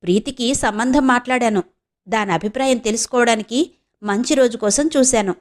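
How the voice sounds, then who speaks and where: A woman voicing a polite, quick-witted young married woman who likes to tease. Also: a little high, close to an everyday voice. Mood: teasing. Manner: polite but teasing.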